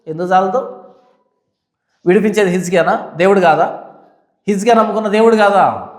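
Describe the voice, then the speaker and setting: A man's voice: sits high, brisk. A man preaching in a Bible study, firing off scolding rhetorical questions with fiery conviction. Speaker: pastor. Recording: echoey room.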